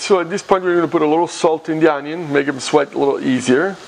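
A man in his fifties with an Italian accent talks through a recipe in a casual way. His voice sits a little high and crackles with fry. He speaks in short, repeated phrases, and the kitchen recording has clear background noise. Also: steady tone, fast. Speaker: cooking show host. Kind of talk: casual cooking demonstration. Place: home kitchen, indoors.

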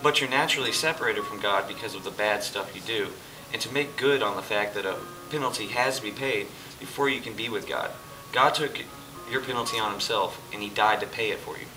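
Close to his everyday voice, a man with a lowish pitch speaks a little fast as Jesus, patiently and earnestly explaining himself to his dinner guest in an amateur church play. The setting is an indoor church hall stage, picked up by a distant camera with music in the background.

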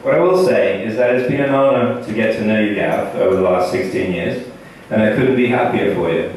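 A Russian-speaking man in his thirties reads a joking best man toast from notes into a handheld mic, deadpan and pausing for laughs. His pitch is fairly low. A far camera in the audience catches the echoey indoor banquet hall and crowd noise.

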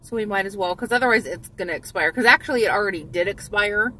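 A woman's voice: mid-range voice, fast talker, pushed and bright, distant mic, slight background noise, rough recording. A woman in her thirties rambling casually to her phone camera from a parked car, with lots of ums and restarts. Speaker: vlogger. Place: parked car, windows closed. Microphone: phone held at arm's length. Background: faint radio music.

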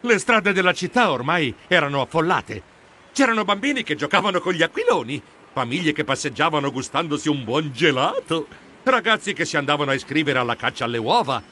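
Man, children's audiobook narrator, high, animated, bright voice. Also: a little fast, a little hiss or hum. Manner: expressive, excitable.

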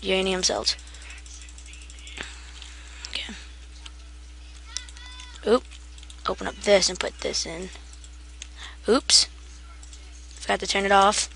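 A woman walks through a video game setup in a loose, half-asleep way. Her voice is bright with a gravelly edge, and she trips over words and laughs off her own mistakes. Keyboard typing sits behind her. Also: medium pitch, steady tone, takes it slowly, pauses often, a little hiss or hum. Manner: sleepy, rambling, self-deprecating. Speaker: gaming tutorial maker. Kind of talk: casual game tutorial.

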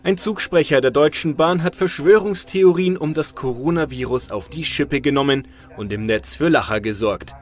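Guy narrating a news clip, voice a bit high, music behind him. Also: moderate pace.

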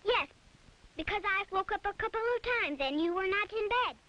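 A woman's voice: animated, normal speed, pushed and bright, muffled recording, heavily acted. An actress voicing a stubborn little girl in a 1950s dubbed film. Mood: insistent. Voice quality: shrill, insistent.

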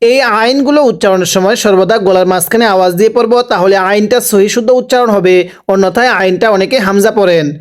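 A man teaching Quran recitation by spelling out each syllable, slowly drawing out the words as he recites them and pausing to explain the rules. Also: sits high. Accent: Bangladeshi Bengali. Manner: slow, drawn-out recitation of syllables, with instructions in between.

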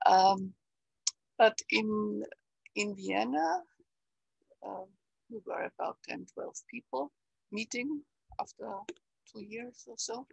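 An older woman with an Austrian German accent talks on a video call. Her voice is gravelly and husky, and the sound is dry and close. She speaks reflectively, often pausing on fillers. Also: medium pitch, dry recording, muffled recording. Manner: reflective, halting with many fillers. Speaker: interview guest, salon organizer. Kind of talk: casual conversation on a video call. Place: bright room at home. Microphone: webcam on a video call.

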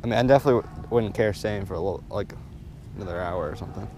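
A young man with a lowish voice and a laid-back, rambling way of talking. He speaks to an action camera outdoors by a lake, with light outdoor noise behind him. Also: racing, a little mellow. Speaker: fishing vlogger. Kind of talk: casual outdoor fishing chat. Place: lakeshore in woods, outdoors.

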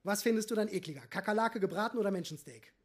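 A needling, indignant young woman at a restaurant table as the male author reading the story puts her on, her voice husky and a little breathy. She presses every point with barbed impatience in a spoken storybook reading. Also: sits high, animated, fast talker. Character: sharp-tongued woman pushing a moral argument.

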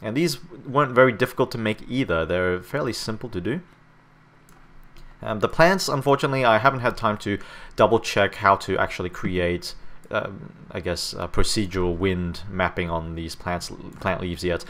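An Australian man with a fairly low, stuffy hay-fever voice narrates a screen-recorded game-art tutorial at a moderate pace as he works. He rambles and corrects himself often, dropping frequent "okay?" and "um" along the way, over soft background music.

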